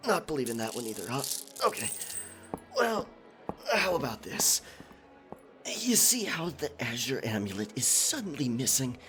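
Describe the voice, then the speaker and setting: A man's voice: mid-range voice, big pitch swings, fairly bright tone, soft background music. A man playing a roguish, flirtatious, cocky pirate captain in a theatrical, teasing audio roleplay. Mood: nervous, bargaining. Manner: teasing, theatrical, drawn-out delivery with chuckles. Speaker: voice actor. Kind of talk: romantic roleplay ASMR acting.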